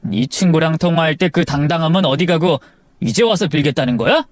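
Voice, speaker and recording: A man's voice: a little high, lively intonation, brisk, no room sound, clean studio sound, lightly acted. A man voicing a furious husband who accuses and confronts his wife in an audio drama story. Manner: shouting, accusing, rising anger.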